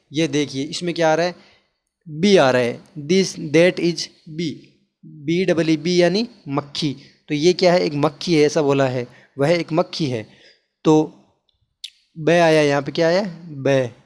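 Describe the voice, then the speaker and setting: A male teacher with an Indian accent explaining grammar, repeatedly asking questions and answering them himself. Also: on the high side. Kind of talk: classroom lesson explaining English articles in Hindi.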